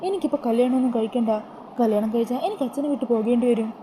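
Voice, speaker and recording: A woman's voice: on the high side, racing, dark tone, a little hiss or hum, close to an everyday voice, rough recording. A woman voicing an upset young woman who is pleading and longs for her father's love. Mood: angry.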